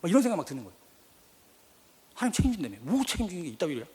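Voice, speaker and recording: Animated, fast-talking male youth pastor preaching. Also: high-pitched. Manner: emotional, animated storytelling, rising to near-shouts. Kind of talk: sermon with personal testimony. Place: church sanctuary. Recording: long reverb of a large church.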